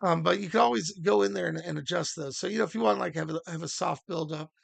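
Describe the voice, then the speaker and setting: Man, stream host, halting casual talk, slightly high, very dry close sound. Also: vocal fry, no echo. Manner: halting, lots of fillers and restarts. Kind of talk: casual livestream workshop chat.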